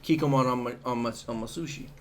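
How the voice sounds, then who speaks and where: A man's voice: mid-range voice, quick pace. A man bantering like a frat bro in casual podcast chat, slangy and profane. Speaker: podcast co-host.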